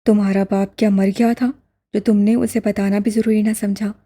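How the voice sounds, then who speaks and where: A woman's voice: medium pitch, level tone, moderate pace, dark tone, pitched below the performer's own voice, natural voice. A woman voicing a stern middle-aged father who scolds his son sharply. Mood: scolding. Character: stern aging father, angry then softening.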